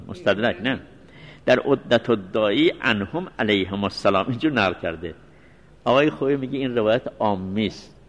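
A male seminary teacher giving a religious law lecture, repeating references slowly and mixing in recited phrases. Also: fairly low pitch, fairly bright tone. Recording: long reverberant hall sound.

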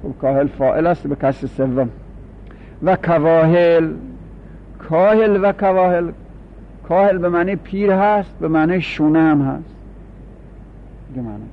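A man teaching a grammar class, explaining slowly and repeating each form for his students. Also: on the high side. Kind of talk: classroom lecture. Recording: dull lo-fi recording with faint hum.

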